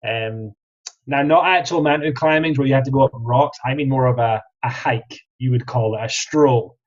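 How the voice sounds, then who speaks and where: A young man with a Scottish accent, talking as a podcast guest in a friendly, thoughtful way, often pausing to find his words. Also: medium pitch. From Scotland. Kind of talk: casual interview talk. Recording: slightly dull lo-fi audio.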